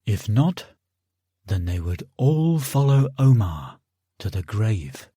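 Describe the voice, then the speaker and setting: A man narrating an audiobook in a calm, steady reading voice, close to the mic. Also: fairly low pitch, slow, breathy edge, dry recording. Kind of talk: scripted narration.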